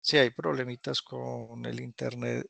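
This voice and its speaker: Gravelly teacher on a video call. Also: male voice, medium pitch, fairly even intonation, sharp tone, no echo. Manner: patient, repeats phrases slowly for drilling. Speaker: English teacher. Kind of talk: online class teaching.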